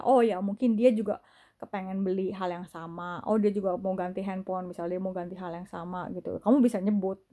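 Woman, mellow tone, casual spiritual advice, chatty. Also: mid-range voice. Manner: chatty, repeats filler tags, mixes in English words.

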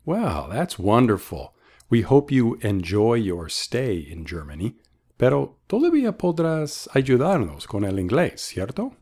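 A man's voice: medium pitch, wildly swooping pitch, slow pace, darkish tone. A man hosting a bilingual English lesson, patiently modelling phrases and repeating them for practice. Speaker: English teacher and host.

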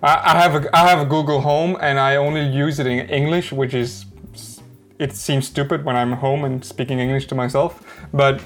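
A man's voice: medium pitch, fairly even intonation, normal speed, a bit bright, faint music behind. A man with a Danish accent, a native Danish speaker hosting a casual interview, speaking hesitantly with many restarts and fillers. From Denmark.

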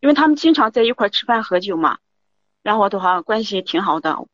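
Fast-talking woman caller, dull dry audio. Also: mid-range voice, animated, dry recording. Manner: rambling, keeps repeating "I said". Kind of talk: confiding call-in account.

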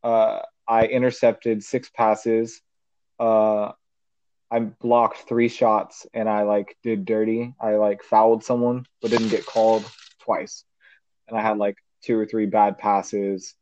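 A man's voice: lowish voice, little pitch movement, takes it slowly, darkish tone, no echo. A teenage boy co-hosting a casual podcast, rambling with a lot of "like", heard over a phone call. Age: teens. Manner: loose and rambling, lots of "like". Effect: heard over a phone line. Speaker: podcast co-host. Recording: muffled dry phone-call audio.

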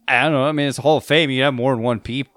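A man's voice: medium pitch, steady tone, very fast, a bit bright, no room sound, clean studio sound. A man co-hosting a casual podcast chat, hesitant and full of restarts, laughing easily. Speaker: podcast co-host.

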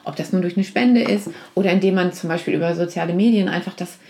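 A woman with a fairly low, dark-toned voice talks quickly over slight background noise. She is a guest from a support organization being interviewed on a podcast about her outreach work. She speaks earnestly, with many fillers and restarts.

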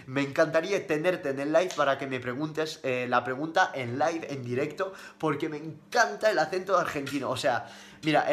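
A man with a mid-range, bright and forceful voice takes livestream questions as a fitness coach. He keeps it casual but blunt and emphatic, leaning on slang and repeated words to drive points home.

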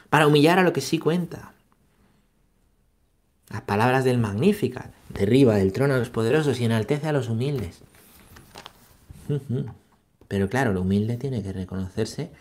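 A man giving a catechesis talk, animated and emphatic, asking rhetorical questions and checking in with his listeners. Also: on the high side. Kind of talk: catechesis talk on scripture and philosophy.

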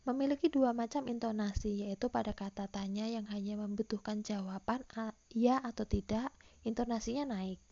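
A woman's voice: fairly high pitch, moderate pace, gravelly, mellow, highs cut off. A woman teacher giving a recorded online lesson to primary school children, patiently explaining and reading example questions aloud.

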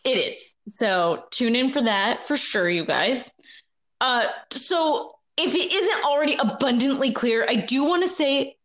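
Woman co-host, casual podcast chat, upbeat, talks right to the audience, slightly high voice. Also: animated, a little slow, fairly bright tone. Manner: upbeat, addresses listeners directly.

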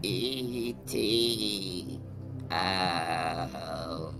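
A man voicing a slow, croaking little male space creature who drags his words out in a dopey way for a comedy bit. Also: deep voice, steady tone, music in the background. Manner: drawn-out, creaky, dopey speech. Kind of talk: improvised comedy role-play.

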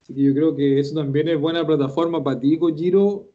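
A man's voice: fairly high pitch, steady tone, quick pace, dark tone, highs cut off. A man hosting a casual online language class, chatty and encouraging, often repeating himself. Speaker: host and Japanese teacher.

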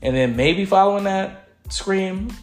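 A man's voice: mid-range voice, expressive, fast talker. Male podcast host, laid-back slangy delivery, roomy echo with faint music behind. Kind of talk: casual chat.

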